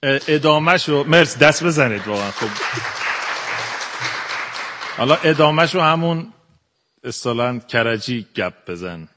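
A man's voice: mid-range voice, expressive, long pauses, long reverb tail, over music, crowd noise. A man judging a voice-acting audition, asking the contestant brief questions and giving short instructions on stage. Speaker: audition judge. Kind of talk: casual on-stage chat.

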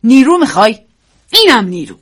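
A woman's voice: expressive, husky. A woman voicing an earnest man in love. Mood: insistent. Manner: quiet, low, tender pleading.

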